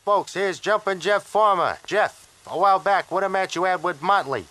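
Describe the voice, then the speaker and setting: Cartoon wrestling interviewer, male actor: stern, formal promo announcing in a high, forceful male voice. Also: moderate pace. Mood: businesslike.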